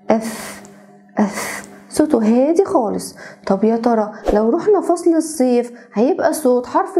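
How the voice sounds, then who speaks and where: Egyptian woman, kindergarten phonics teacher, high soft mellow voice, sing-song and patient. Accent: Egyptian Arabic. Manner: sing-song, drawn-out letter sounds, coaxing. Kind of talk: children's phonics lesson.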